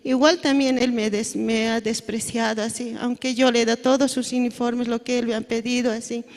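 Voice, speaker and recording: A middle-aged woman gives a halting, earnest personal testimony at a church service, often tagging her phrases with little questions. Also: fairly high pitch, level tone. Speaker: church member giving testimony. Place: church hall. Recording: long church-hall reverb.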